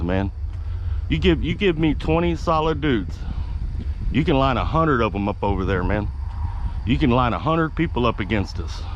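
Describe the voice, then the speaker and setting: A man's voice: mid-range voice, lo-fi sound. A man talking casually to his viewers as a vlogger, rambling in a laid-back, slangy way with some swearing. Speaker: YouTube vlogger. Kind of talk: casual rambling talk to camera. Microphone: action camera clipped to his hat. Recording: clear outdoor and vehicle background noise.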